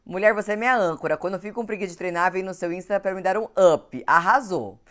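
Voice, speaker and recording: On a home recording setup, a young Brazilian nutritionist with a cold hosts an Instagram live, chatting casually and calling out viewers by name. She speaks at a quick pace in a mid-range voice.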